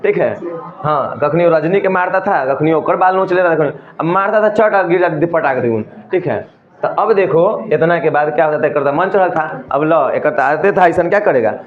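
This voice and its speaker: A man's voice: on the high side, moderate pace. Bihari-accented man teaching, echoey tinny sound. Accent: Bihari Hindi. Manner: colloquial, asks and answers his own questions. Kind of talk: explaining a story to students.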